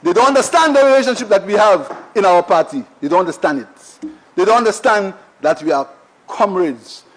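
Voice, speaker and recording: A man's voice: high-pitched, lively intonation, brisk, poor audio. A Saint Lucian man giving an impassioned, repetitive parliamentary speech, full of rhetorical questions, in a parliament chamber. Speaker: member of parliament.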